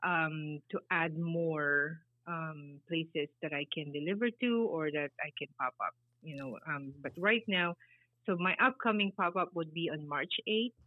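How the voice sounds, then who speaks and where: A woman's voice: sits low, unhurried, no echo. Middle-aged woman as interview guest; meandering, filler-heavy answers over a tinny, dry line. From Philippines. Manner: rambling, many fillers, laughs easily. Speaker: guest, baker and business founder.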